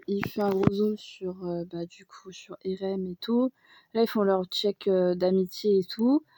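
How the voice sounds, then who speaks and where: A teenage girl, a little sick, giving a casual and excitable voice-over on a video, full of fillers and gasps of delight. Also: mid-range voice, no room sound. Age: teens. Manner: gushing, excitable, many fillers and "waouh" exclamations. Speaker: fan commentator.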